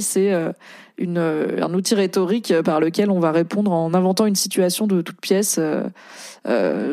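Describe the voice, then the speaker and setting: A woman's voice: on the low side, mellow, no echo, studio quality. A young French-speaking woman hosting a casual podcast, reading and commenting on posts in a chatty way with many fillers.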